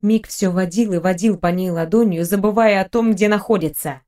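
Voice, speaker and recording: A woman narrating an audiobook in an even, measured way. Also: medium pitch. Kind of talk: scripted narration.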